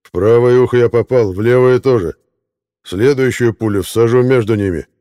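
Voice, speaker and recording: A curt, commanding hidden gunman who barks his orders, as a male reader voices him. Louder and a little higher than the reader's own voice, with a dark, mellow timbre. An audiobook character reading. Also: moderate pace, long reverb tail, close to an everyday voice.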